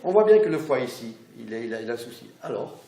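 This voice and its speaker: A man's voice: mid-range voice, sing-song, fast talker, creaky, warm tone. A middle-aged man leads a hands-on massage class, chatty and checking in with his students. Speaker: massage instructor. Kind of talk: hands-on teaching demonstration. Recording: roomy echo, faint background noise.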